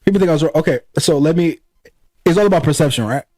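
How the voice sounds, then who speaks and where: Podcast co-host, male, rapid loose banter, laughs a lot, salty language. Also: a little high, darkish tone, no room sound, studio quality. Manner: loose, joking, laughs often, curses. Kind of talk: casual chat.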